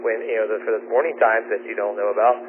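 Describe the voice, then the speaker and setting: A lower-pitched man checking in over a ham radio link. His voice comes through narrow and phone-like, with loud static hissing beneath his relaxed, meandering talk. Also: quick pace. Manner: easygoing, rambling with fillers. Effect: ham radio transmission with static. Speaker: caller checking in. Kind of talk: casual radio chat.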